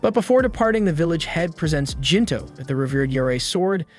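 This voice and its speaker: A man's voice: fairly high pitch, animated, fairly quick, faint music behind. A man reading a scripted story recap in a casual, slangy storytelling manner. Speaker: recap narrator. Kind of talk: scripted narration.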